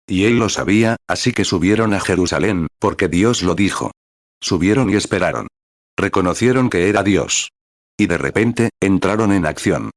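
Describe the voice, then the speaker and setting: A man reading a translated sermon aloud in a steady, measured way, calling out verse and paragraph numbers as he retells scripture stories. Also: deep voice, dry recording, clean studio sound. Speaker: sermon reader.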